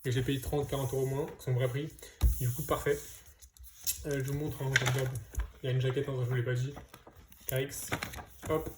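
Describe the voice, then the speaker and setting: Man, casual unboxing chat, hesitant with fillers, mid pitch, faint background noise. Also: flat delivery, moderate pace, pauses often. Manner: hesitant, many fillers and restarts. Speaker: comic book collector vlogger.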